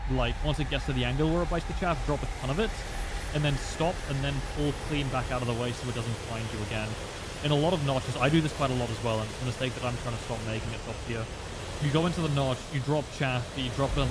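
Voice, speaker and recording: A man's voice: medium pitch, noisy background. A young man streaming a flight game, chatting casually and explaining tactics with lots of fillers. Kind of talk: casual gameplay commentary.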